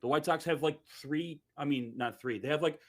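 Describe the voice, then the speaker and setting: A man's voice: a little high, moderate pace. Blunt man ranting about sports. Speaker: podcast panelist. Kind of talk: casual sports chat.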